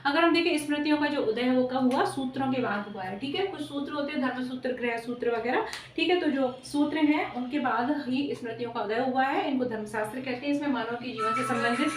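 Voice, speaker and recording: A woman's voice: high voice, a little fast. A woman teaching an exam-prep lesson at a whiteboard, often repeating "ठीक है" and asking rhetorical questions to quiz her students. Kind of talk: whiteboard lecture. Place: classroom with a whiteboard. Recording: echoey room, voice from off-mic.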